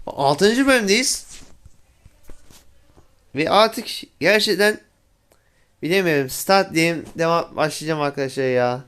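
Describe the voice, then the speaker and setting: Young man, gaming commentary, casual, frustrated exclamations, clear smooth voice, slightly high. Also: takes it slowly, pauses often, a bit bright. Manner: addresses viewers as friends. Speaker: gaming channel host.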